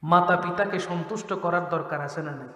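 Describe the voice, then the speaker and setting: A man preaching a sermon to a crowd. He chants Quranic verses, shouts warnings and calls on the listeners to answer him. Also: fairly high pitch, moderate pace. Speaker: Islamic preacher. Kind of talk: Bengali waz sermon. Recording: echoey hall with reverb.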